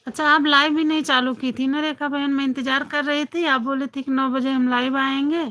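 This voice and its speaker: A woman's voice: sits high, level tone, a little fast, a bit bright, slight background noise. A woman hosting a casual phone livestream, chatting with viewers and greeting them by name, often repeating short affirmations. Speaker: livestream host. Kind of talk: casual chat with live viewers.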